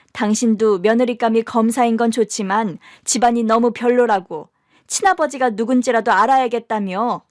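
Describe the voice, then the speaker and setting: A woman's voice: on the high side, dry recording, clean studio sound, lightly acted. A woman voicing a haughty, wealthy middle-aged mother-in-law who talks down to others, in a radio drama.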